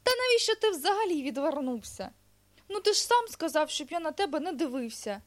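Woman doing a loud excitable bear cub. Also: high voice, fairly quick, voice pushed up. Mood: puzzled. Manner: loud, eager, shouting. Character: small playful bear cub, excitable and silly.

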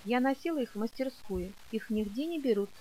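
A woman reading an audiobook and voicing a gentle, worried mother who asks perplexed, pleading questions. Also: a little high, expressive, fairly quick, a little hiss or hum, close to an everyday voice, rough recording. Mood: bewildered. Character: gentle bewildered mother, worried and soft-hearted.

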